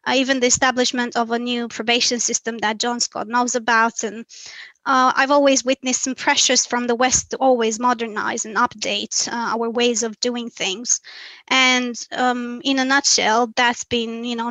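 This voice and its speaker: A woman's voice: a little high, sharp tone, dry recording, poor audio. Earnest woman. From Romania. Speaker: webinar presenter. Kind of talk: academic presentation.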